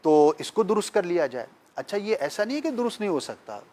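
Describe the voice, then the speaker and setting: A man's voice: sits high, big pitch swings, warm tone. Man explaining pronunciation patiently. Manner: lecturing, patient, emphatic on pronunciation. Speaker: guest speaker. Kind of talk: explanatory talk-show discussion.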